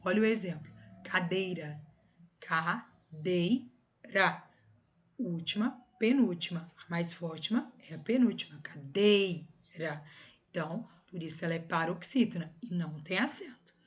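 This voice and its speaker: A woman's voice: lowish voice, animated, moderate pace. A woman with a Brazilian Portuguese accent teaches a recorded grammar lesson. She explains patiently, step by step, and checks in with her students through short tag questions.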